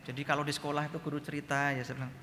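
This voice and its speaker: A man preaching a sermon in a lively, chatty storytelling way, often speaking straight to the congregation. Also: on the high side, very fast. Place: church hall. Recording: reverberant hall, faint background noise.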